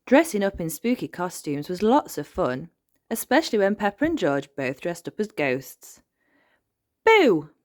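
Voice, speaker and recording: A woman hosting a channel, reading a children's storybook aloud in a gentle, clear, expressive way. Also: on the low side, moderate pace.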